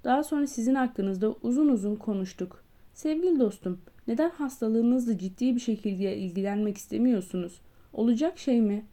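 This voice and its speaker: A jovial older postmaster, all hearty cheer and quick, boisterous talk, as a woman reader puts him on. His voice rides higher than her plain narration and bounces along briskly. The tone stays mellow rather than sharp. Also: natural voice. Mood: coaxing. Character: jovial older male postmaster, loud and backslapping. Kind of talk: audiobook character voice.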